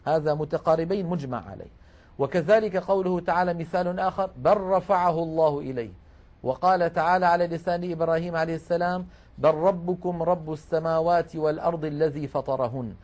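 Man, tajweed teacher, somewhat high voice, patient explanations, slow chanted examples. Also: a little mellow. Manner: explains rules patiently, slows to recite examples. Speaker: Quran recitation teacher. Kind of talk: tajweed lesson.

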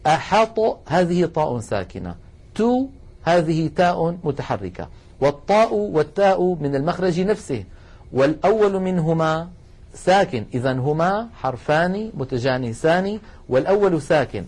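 A man teaching the rules of Quran recitation in a recorded lesson. He explains patiently, speaks to his listeners as brothers and slows right down to recite each example. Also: fairly high pitch, big pitch swings, a little mellow, slightly rough.

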